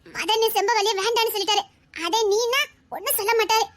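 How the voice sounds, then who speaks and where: A woman with a Tirunelveli accent voicing an anxious, secretive young village woman in an audio drama, in quick dialect speech. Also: very high-pitched, fairly bright tone. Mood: scheming. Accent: Tirunelveli Tamil.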